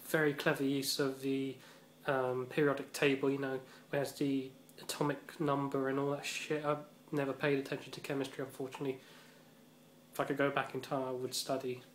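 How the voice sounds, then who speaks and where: A man rambling through a casual vlog monologue, swearing freely and leaning on fillers like "you know" and "um". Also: mid-range voice. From Britain. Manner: rambling and profane, heavy on fillers. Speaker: vlogger. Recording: echoey room with faint ambient noise.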